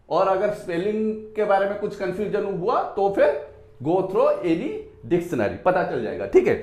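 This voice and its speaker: A man with an Indian accent teaching an English grammar lesson at a whiteboard, saying words slowly and repeating them, switching between Hindi and English. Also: sits high, a little mellow. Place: room with a whiteboard. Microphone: phone on a tripod. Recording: echoey room.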